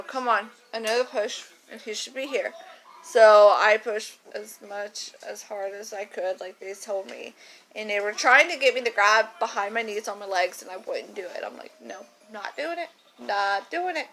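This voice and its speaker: Bright-voiced young woman, chatty and frank. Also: medium pitch, slight background noise, low-quality recording. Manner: chatty, rambling, frank, swears freely. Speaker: vlogger telling her birth story. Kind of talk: casual storytelling to camera. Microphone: phone camera.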